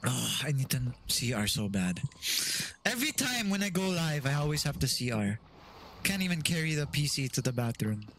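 A man live-streams a horror game in casual gaming chat, yelping and laughing at the scares and talking to his viewers while a little out of breath. His medium-pitched, fairly bright voice swings widely in pitch at a normal speed, with slight background noise. He comes across as jumpy.

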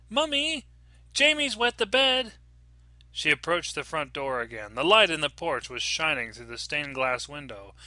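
A man narrates a horror short story in a measured, dramatic way. His voice is very bright and crisp. The recording is dry and close, with no room sound. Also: mid-range voice, no room sound. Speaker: audiobook reader.

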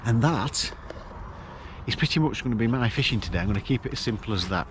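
A man's voice: medium pitch, expressive, quick pace, noisy background. A middle-aged man, talking casually to camera outdoors beside a lake, chatting through his plans. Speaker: angler vlogger.

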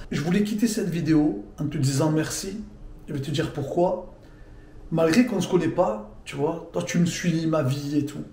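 Lively high-voiced man vlogging from his car. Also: slight background noise. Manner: lively, slangy, talks straight to the viewer. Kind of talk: casual storytelling vlog. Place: inside a car.

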